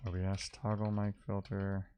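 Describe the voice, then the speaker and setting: A man with a low, warm, monotone voice hosts a live-coding stream at a moderate pace, informally thinking aloud as he works and reading and answering chat messages. A little hiss or hum sits in the recording.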